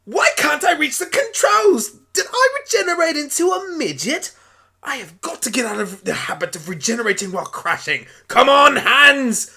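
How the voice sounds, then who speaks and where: A performer voicing a frantic, excitable alien Doctor turned talking pony in a hobby radio play, chattering away in exclamations. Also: sits high, moderate pace, creaky, voice pushed up, full character voice. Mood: bewildered, alarmed.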